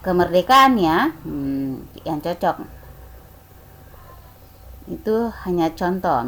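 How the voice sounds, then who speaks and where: Slow, patient woman teacher. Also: medium pitch, rough recording. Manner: patient, repeats points and asks rhetorical questions. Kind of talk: slow online class explanation.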